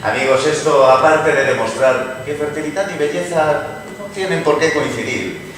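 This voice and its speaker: A man's voice: on the high side, normal speed, a bit bright, lightly acted. A man playing a caustic, mocking English poet lord in a dramatized reading, with ornate, insinuating delivery. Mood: sardonic. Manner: wry, insinuating, ornate oratory. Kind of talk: dramatized radio theatre reading. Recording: distant, very echoey noisy room.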